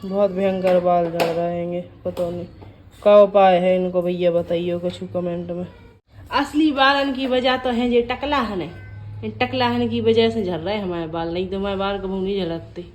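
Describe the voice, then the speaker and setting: A woman's voice: medium pitch, fairly even intonation, moderate pace, darkish tone, a little hiss or hum. A woman with a Bundelkhandi accent chatting jokingly to viewers in a casual home vlog. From Bundelkhand, India. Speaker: family vlogger.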